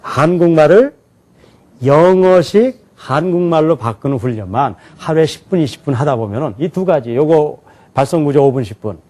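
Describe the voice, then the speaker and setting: A man gives a televised lecture at an ordinary middle pitch. He keeps putting questions to his listeners and then answering them himself. Now and then he slows down to sound things out syllable by syllable. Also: dark tone. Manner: demonstrates pronunciation slowly and syllable by syllable. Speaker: teacher.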